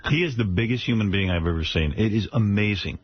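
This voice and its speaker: Fast-talking man hosting radio banter. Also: lowish voice. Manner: fast, joking, does mock deadpan impressions. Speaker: radio show host. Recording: muffled radio broadcast with faint noise.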